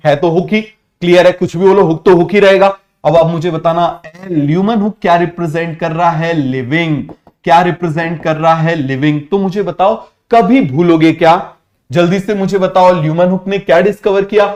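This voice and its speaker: Male biology tutor, high voice, call-and-response drilling, casual online lecture. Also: normal speed, a little mellow. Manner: drills students with repeated call-and-response questions; mixes English science terms into casual talk. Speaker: biology teacher. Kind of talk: online exam-prep lecture.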